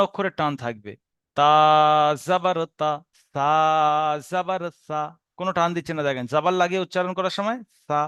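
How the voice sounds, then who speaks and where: A man with a Bengali accent teaching Arabic letter reading in a recorded lesson, explaining slowly and patiently, then reciting letter sounds in drawn-out tones. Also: fairly high pitch, a bit bright, clean tone, no room sound. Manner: slow, patient step-by-step explaining.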